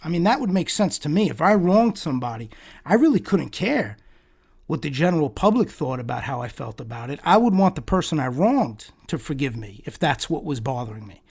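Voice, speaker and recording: A man's voice: fairly high pitch, sing-song, brisk, gravelly, darkish tone, husky. A man hosting a solo podcast, talking through rhetorical questions in a sarcastic tone and often repeating words and restarting. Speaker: podcast host.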